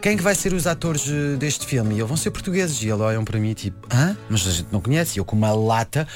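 A man's voice: medium pitch, animated, fast, a little mellow, faint music behind. A man born and raised in France, a film director speaking Portuguese as an in an interview, hesitant and full of restarts. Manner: hesitant, many restarts and repeated words. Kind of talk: conversational interview.

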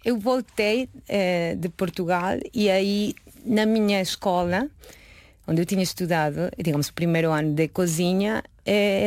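With a mid-range, slightly mellow voice in a clean studio recording free of echo, a chatty Mexican woman in her late thirties tells stories from her life. She's a pastry chef guest in an interview, a native Spanish speaker, speaking informally and acting out conversations she recalls.

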